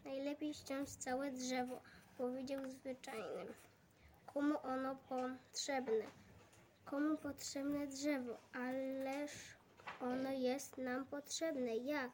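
Hesitant high-voiced woman reading a story. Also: fairly even intonation, takes it slowly, background noise. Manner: hesitant, restarts words. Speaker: reader.

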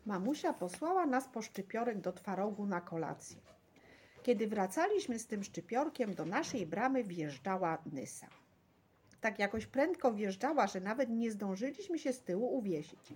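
Lively woman reading a children's story. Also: medium pitch, normal speed, husky. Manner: lively storytelling, voices the crowd. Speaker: narrator. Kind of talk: audiobook narration.

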